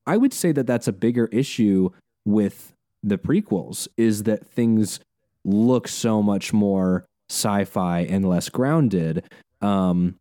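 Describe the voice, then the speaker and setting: Man, low voice, mellow tone, casual podcast co-host, laughs easily, lots of fillers. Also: slow pace, dry recording, studio quality. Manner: animated, laughs easily, many fillers and restarts.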